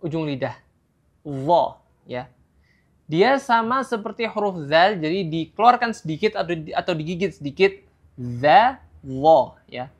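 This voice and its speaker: A teacher giving a patient tajwid lesson, modelling each sound slowly and tagging phrases with a steady "ya". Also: mid-range voice. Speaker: Quran recitation teacher.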